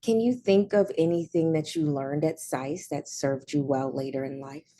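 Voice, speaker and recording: Woman, interviewer, low voice, mellow tone, friendly questions. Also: moderate pace.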